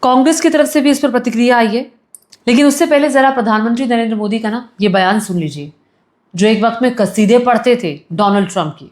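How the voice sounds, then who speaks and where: A woman delivers opinion news commentary straight to camera. Her voice sits a little high, and she talks with indignation, pressing one rhetorical question after another. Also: brisk, a little mellow.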